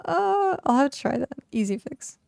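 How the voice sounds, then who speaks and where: Gravelly-voiced woman streamer, chatty. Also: mid-range voice, a little slow, a little mellow, no echo, studio quality. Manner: rambling, chatty, heavy use of "like". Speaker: game streamer. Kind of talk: casual live-stream chat while gaming.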